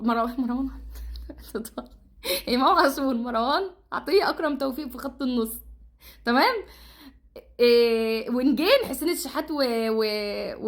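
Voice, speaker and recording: High-pitched, rapid-fire Egyptian woman. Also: a bit bright. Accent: Egyptian Arabic. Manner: pleading and exasperated, swearing oaths. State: nervous. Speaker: football fan vlogger. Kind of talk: fast, heated monologue addressed to the coach.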